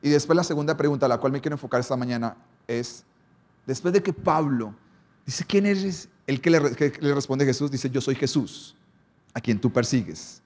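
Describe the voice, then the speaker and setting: A man's voice: mid-range voice, expressive, moderate pace, darkish tone. A man, preaching a morning sermon as a pastor, asking rhetorical questions and shifting his pace and emphasis.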